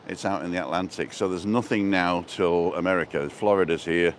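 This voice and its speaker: Briskly walking along the promenade, a deep-voiced British travel vlogger chats live, rambling and cracking jokes while answering comments from viewers. Born in England, he has also lived in Wales and abroad, and the outdoor street and seafront ambience is noisy.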